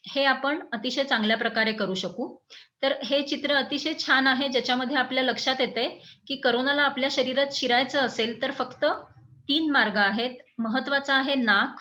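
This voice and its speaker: Woman, fairly high voice, health educator, measured pace, pauses and fillers. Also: bright, forceful tone, low-quality recording. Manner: measured teaching tone with frequent hesitation fillers. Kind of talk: explanatory health talk.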